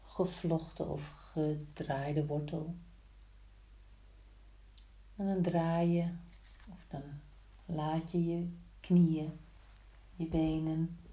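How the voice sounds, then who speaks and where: A woman guiding a yoga practice slowly, in a soft, soothing, hushed voice with long pauses between short instructions. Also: deep voice. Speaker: yin yoga teacher. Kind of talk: slow guided yoga instruction. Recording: roomy, echoing sound.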